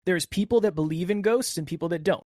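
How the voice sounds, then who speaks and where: A woman's voice: on the low side, fast, warm tone, no echo, studio quality. A woman in casual chat, giving short agreeing replies and thinking aloud.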